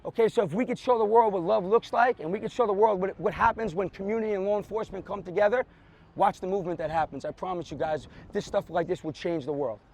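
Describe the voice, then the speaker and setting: High-pitched man giving an emphatic pep speech. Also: quick pace, a little mellow, rough recording. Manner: earnest, emphatic, repeats phrases for effect, tags with "right?" and "okay?". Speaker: police officer and motivational speaker. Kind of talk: motivational pre-game pep speech to a group. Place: outdoors on a sports field.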